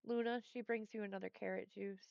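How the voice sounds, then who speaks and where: A woman's voice: medium pitch, steady tone, a little fast, vocal fry, dry recording, muffled recording. A woman running a tabletop game as game master, easygoing and laughing along with her players.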